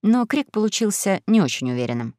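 A woman narrating a children's sci-fi story in a measured, even way. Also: mid-range voice, no echo, clean studio sound. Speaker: audiobook narrator. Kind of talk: scripted narration.

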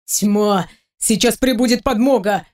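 A woman's voice: medium pitch, measured pace, darkish tone, close to an everyday voice. A woman voicing a courteous wounded young swordsman. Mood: urgent. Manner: formal, polite address. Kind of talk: audiobook character voice.

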